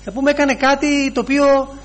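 A man preaching a sermon, pausing often, repeating phrases and inserting "he says" as he retells scripture. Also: extremely high pitch, level tone.

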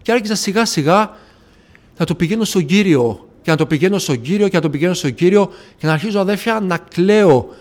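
A man's voice: high voice, lively intonation. A man from Athens giving an earnest personal faith testimony to a congregation, retelling past conversations and often addressing his listeners as brothers. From Athens, Greece. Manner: earnest, retells conversations with frequent "I say, she says" asides. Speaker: church member giving testimony.

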